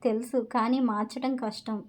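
A woman's voice: fairly high pitch, steady tone, moderate pace, a little mellow, natural voice. A woman reading as an earnest young man. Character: fair-minded young man, the hero's friend.

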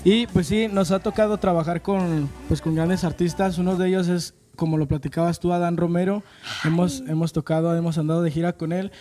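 A nineteen-year-old Mexican man from a band, answering studio interview questions into a handheld mic in a relaxed, halting way. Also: sits high. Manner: relaxed, halting, many fillers. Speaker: band member, guest.

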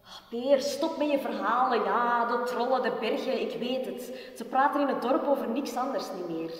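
A woman's voice: on the high side, unhurried, sharp tone. A woman voicing an impatient young village woman who scolds and urges in a raised voice. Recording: far-off voice in a reverberant hall.

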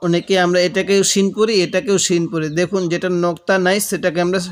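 A man teaching Quran reading, drilling letter sounds slowly and asking listeners to repeat after him. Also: sits high, little pitch movement. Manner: drills letters aloud with repetition, asks viewers to repeat. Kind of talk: slow step-by-step recitation lesson.

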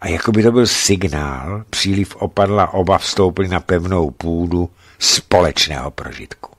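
A man reading a novel aloud as a measured, expressive narrator. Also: sits low, dry recording. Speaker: reader.

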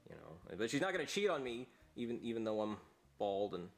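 A man's voice: fairly low pitch, big pitch swings, brisk, vocal fry. A man voicing a crude, insecure, possessive older husband in a puppet comedy, stammering and whiny. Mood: glum.

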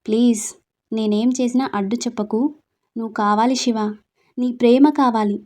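A drunk young husband begs and coaxes, slurring a little, as a woman reads his part. The voice sits high for a man. This is a storybook romance told aloud. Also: steady tone, normal speed, darkish tone, lightly acted. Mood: pleading.

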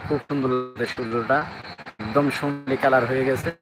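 A man's voice: mid-range voice, fairly even intonation, brisk. A Bangladeshi man hosting a casual live vlog outdoors on a beach, urging viewers to look in a repetitive way. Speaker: livestream host. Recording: noisy outdoor live stream. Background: outdoor ambience, sea waves.

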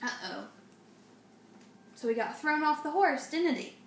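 Reading to children in a high, sing-song voice that goes a little slow, a young woman storyteller and craft presenter explains simple steps and frequently questions her listeners. She's recorded on a phone in her home dining room, and the sound is roomy and noisy.

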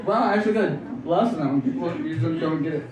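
A man doing an open-mic stand-up set on a club stage, talking in a halting, rambling way with many restarts. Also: fairly high pitch. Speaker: stand-up comedian. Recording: distant, echoey club with loud crowd. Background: audience laughter.

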